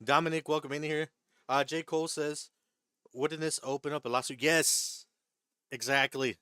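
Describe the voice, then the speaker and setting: Here the trading stream host speaks at normal speed in a higher register, his intonation fairly even and his tone sharp yet smooth. He answers chat questions, lays out the rules, hedges, repeats points, and leans on "right?" and "okay?". Clean studio sound, no room noise.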